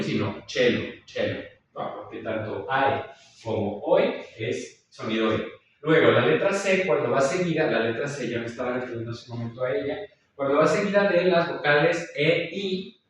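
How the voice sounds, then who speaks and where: A man's voice: medium pitch, highs cut off, slight background noise. A man teaching a course on Latin pronunciation, explaining patiently, repeating sounds and checking in with his listeners. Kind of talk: recorded course lecture. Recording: echoey room, voice far from the mic.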